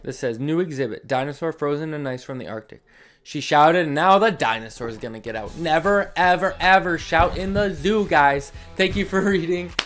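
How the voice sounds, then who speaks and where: Soft music plays behind a man with a fairly high, somewhat bright voice who hosts a read-along story series for kids. At a moderate pace he reads expressively and dramatically, dropping in chatty asides for young listeners.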